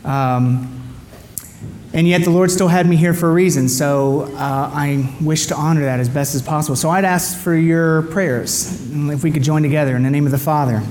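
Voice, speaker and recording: A man's voice: on the high side, moderate pace, a little mellow. A man giving a candid, confessional personal testimony and prayer as a guest speaker at a men's gathering. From United States. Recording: long hall reverb, faint background noise.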